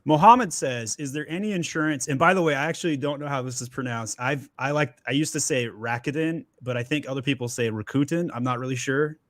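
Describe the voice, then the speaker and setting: A man's voice: mid-range voice, fast talker, hardly any pauses, a bit bright, no echo. A male host of a live Q&A, upbeat and chatty, asking questions with joking asides. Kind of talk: live Q&A interview.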